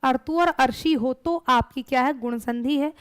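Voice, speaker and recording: A woman's voice: high-pitched, moderate pace, smooth, dry recording. A woman teaching a grammar lesson for exam preparation, explaining step by step and answering her own questions.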